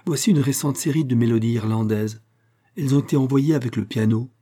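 A man voicing a charming young gentleman who speaks with polished, suggestive courtesy. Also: mid-range voice, brisk, breathy edge, natural voice. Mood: insinuating.

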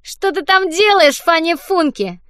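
A woman's voice: lively intonation, a little slow, fairly bright tone, dry recording, studio quality, heavily acted. Woman doing a sly, taunting little boy. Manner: shrill, sing-song and taunting, lisping when faking childishness. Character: sly mocking boy, a mischievous little schemer. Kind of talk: audiobook character voice.

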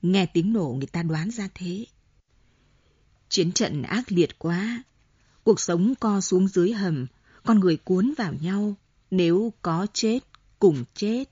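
A woman narrating a novel in slow, measured storytelling, on a dull lo-fi audiobook recording. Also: lowish voice, animated, mellow, breathy edge, no echo. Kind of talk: scripted narration. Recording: dull lo-fi recording with faint music.

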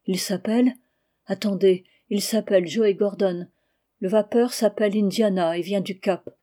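Female audiobook reader, mellow and warm, steady literary narration. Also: normal speed. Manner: steady reading, louder and higher for quoted cries. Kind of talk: scripted narration of a novel.

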